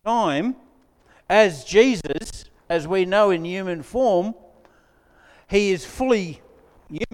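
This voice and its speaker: A man's voice: sits high, lively intonation, slow pace, pauses often. A man preaching a sermon as pastor, conversational with joking asides to the congregation, on a mic in a church hall. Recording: long hall reverb.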